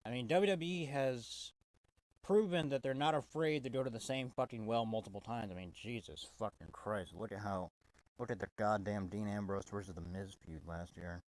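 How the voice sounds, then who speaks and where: A man's voice: on the low side, moderate pace, a little mellow, no echo. A man giving a casual, swear-heavy wrestling review, exasperated and full of restarts. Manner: profane, exasperated, stumbling restarts.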